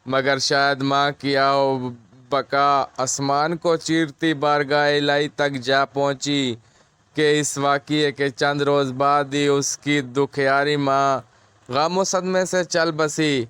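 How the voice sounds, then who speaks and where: A man, narrating a moral story in a measured, earnest way. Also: medium pitch, level tone, fairly bright tone, smooth, no room sound.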